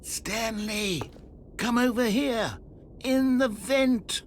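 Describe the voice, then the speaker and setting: A game narrator calling through a vent. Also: male voice, extremely high pitch, soft background music, heavily acted. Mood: coaxing hush. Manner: hushed, beckoning, drawn-out. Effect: voice heard through a vent, distant.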